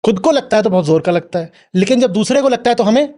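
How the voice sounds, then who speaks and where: Man, spiritual talk to an audience, high-pitched, questioning. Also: expressive, fast talker, warm tone. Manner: questioning, prods listener with "hmm?". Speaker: spiritual teacher answering an audience member. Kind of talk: spoken Q&A discourse.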